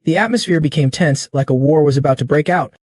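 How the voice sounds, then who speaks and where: Higher-pitched man narrating a story recap. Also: quick pace, a little mellow, no echo, clean studio sound.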